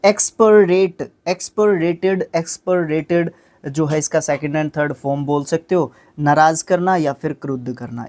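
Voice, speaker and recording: In a slightly high voice with a darkish tone, a man leads a vocabulary lesson on English words. He patiently explains, sounds out tricky words syllable by syllable, and constantly checks in with listeners through tag questions.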